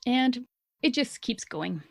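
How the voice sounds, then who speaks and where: A woman's voice: fairly high pitch, animated, takes it slowly, gravelly, no echo. Young woman podcast host, casual true-crime narrator, blunt and foul-mouthed, dry close sound. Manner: blunt, indignant, swears freely.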